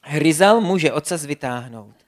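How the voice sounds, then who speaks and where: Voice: medium pitch, lively intonation, close to an everyday voice. A storyteller voicing a playful female otter who keeps telling jokes and giggling at them, in a children's storybook reading. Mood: giddy. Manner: giggly, eager joke-teller.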